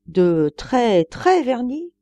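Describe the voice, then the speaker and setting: A woman voicing an elderly gentleman who is fussy, obsessive and wheedling, speaking in a coaxing, repetitive way. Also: fairly high pitch, very animated, very slow, no echo, pitched above the performer's own voice, full character voice. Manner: coaxing, repetitive, rising to pleading.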